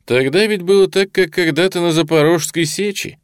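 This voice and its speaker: A man reading an audiobook, voicing a sly male colonel interrogator who talks smoothly and with false cordiality. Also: high-pitched, moderate pace, dry recording, studio quality, voice pushed up, close to an everyday voice. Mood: chatty, probing. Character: sly, ingratiating middle-aged male Soviet colonel interrogator.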